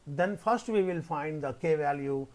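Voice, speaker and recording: A man's voice: a little high, a little slow, a little mellow. A man giving a spoken tutorial as a lecturer, often repeating his phrases as he explains each step. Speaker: maths lecturer teaching software coding.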